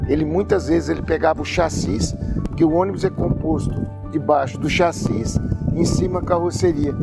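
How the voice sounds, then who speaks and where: A man in his sixties from Brazil talks about his work in a reflective, halting way, often restarting his sentences. His voice is gravelly and a little high for a man. Music plays clearly behind him. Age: 60s. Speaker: business owner. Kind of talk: interview testimony.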